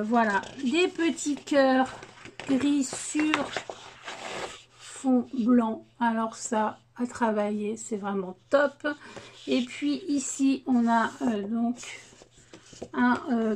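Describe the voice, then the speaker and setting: A woman's voice: fairly high pitch, a little mellow, slight background noise. A woman casually showing craft papers, hesitant and full of fillers, gushing over the patterns. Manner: hesitant, many fillers, enthusiastic about papers. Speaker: crafting vlogger. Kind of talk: casual unboxing chat.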